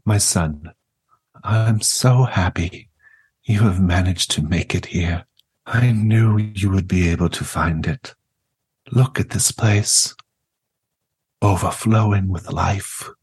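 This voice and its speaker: A man voicing a warm, serene, saintly old grandmother spirit in a tabletop game, coaxing in a reverent, secretive way. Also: low voice, slow pace, long pauses, breathy edge, exaggerated voice.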